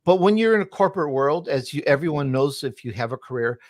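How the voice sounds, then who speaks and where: A podcaster and entrepreneur, appearing as an interview guest, tells his business story and offers advice in an emphatic, self-assured, conversational manner. His voice sits fairly high, lively and quick, captured in clean studio sound with no echo.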